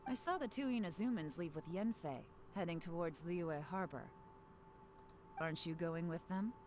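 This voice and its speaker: A woman's voice: lowish voice, normal speed, a little mellow, slight background noise, close to an everyday voice. A woman voicing a cool, self-assured secret agent in a video game, composed and knowing.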